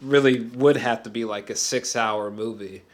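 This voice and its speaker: In a casual, rambling film review, a man speaks at normal speed with a medium pitch. He sounds like an excited fan, cursing openly and frequently hesitating and repeating himself to stress points.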